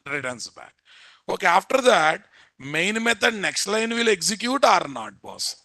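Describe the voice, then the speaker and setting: Recorded with clean studio sound and no echo, a programming teacher with an Indian Telugu accent lectures live in a high, sharp-toned voice. He keeps repeating phrases and constantly fires questions at his audience.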